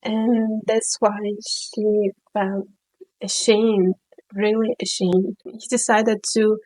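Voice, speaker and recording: A woman telling a personal story in a storytime vlog, in a chatty, unhurried way full of "you know" and "like". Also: mid-range voice, flat delivery, a little mellow, poor audio.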